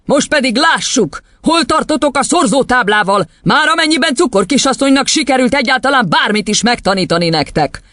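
A man's voice: very high voice, expressive, hardly any pauses, pushed and bright, dry recording, studio quality, pitched above the performer's own voice, heavily acted. A man voicing a furious, tyrannical female headmistress in an audiobook, screaming and scornful. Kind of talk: audiobook character voice.

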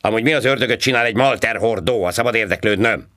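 A man voicing a loud, sharp-tongued traffic cop who barks sarcastic questions in a high-pitched voice. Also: no echo, studio quality. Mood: barking.

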